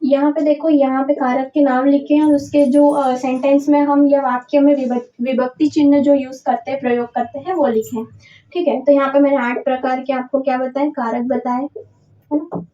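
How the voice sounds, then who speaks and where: A woman teaching Hindi grammar for an exam. She keeps checking in with short tag questions, mixes English words into her Hindi, and reads example sentences out slowly, word by word. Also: high voice, level tone, warm tone, recorded from a distance. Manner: repetitive, checks understanding with frequent "thik hai" and "hai na". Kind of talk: exam-prep lesson. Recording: echoey room, dull lo-fi sound.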